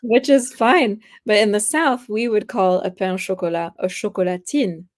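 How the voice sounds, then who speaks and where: Her voice is mid-range and a little mellow, moving at a moderate pace, as this young graphic artist chats casually as an interview guest. She rambles and laughs a lot, and she is from the United States but was raised partly in France.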